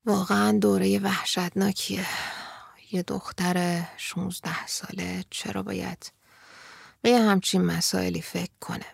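Brief: earnest teen girl, sixteen, reflective, read by a woman narrator, gravelly edge, dry sound. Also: mid-range voice, no room sound. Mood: hushed. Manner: earnest, reflective, sometimes laughing softly. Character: serious thoughtful teenage girl, sixteen.

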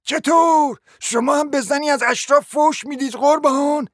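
A reader voicing a quarrelsome provincial lady who shrieks high, shrill accusations, in a dry close recording. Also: a bit bright, no room sound. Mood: screeching.

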